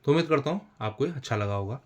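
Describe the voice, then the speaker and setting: A man's voice: medium pitch, lively intonation, racing. A man teaching a basic English spelling lesson, explaining step by step, repeating himself and calling his viewers friends. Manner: repetitive, addresses viewers as friends. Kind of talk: explanatory lesson with writing on board.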